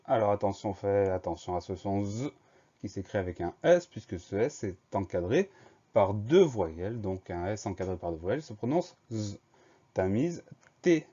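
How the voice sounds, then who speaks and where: A man teaching a spelling lesson, spelling words out slowly, letter by letter. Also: lowish voice, dark tone. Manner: slow, careful letter-by-letter spelling. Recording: dull lo-fi recording.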